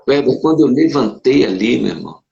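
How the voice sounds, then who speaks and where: A man, a Brazilian pastor, telling his conversion story in a casual conversation, animated and emotional, with sudden leaps up in pitch. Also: fairly quick, vocal fry. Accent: Brazilian Portuguese. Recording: dull roomy sound.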